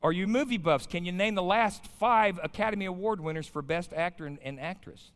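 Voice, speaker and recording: In a large chapel with long, echoing reverb, a visiting pastor in his fifties with an American accent gives an informal sermon full of stories and questions for the crowd. His high voice is brisk and a bit bright, his manner folksy and conversational.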